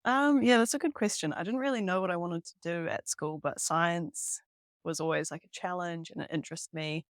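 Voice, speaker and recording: Recorded close and dry in a hostel room with no room sound, this young New Zealand woman talks at normal speed in a fairly low voice. She's a hiking guide on a podcast, chatting casually in an interview, laughing readily and leaning heavily on fillers like "um" and "like."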